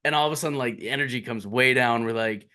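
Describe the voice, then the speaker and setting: A man's voice: medium pitch, fast talker, sharp tone. A man co-hosting a podcast in casual chat, laid-back, filling in and correcting details of the story. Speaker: podcast co-host.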